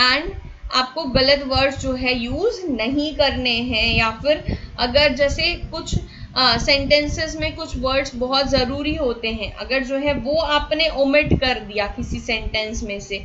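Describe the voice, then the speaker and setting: A woman's voice: high voice, pushed and bright, highs cut off, a little hiss or hum. A woman teacher giving an explanatory lecture, talking casually and asking the class rhetorical questions. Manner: conversational, frequent rhetorical questions and fillers.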